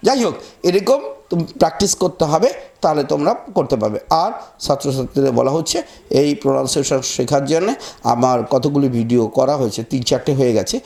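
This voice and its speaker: A man's voice: medium pitch, animated, vocal fry, darkish tone. A man teaching a pronunciation lesson, spelling words out letter by letter and talking straight to his students. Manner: talks to students directly, repeating words slowly.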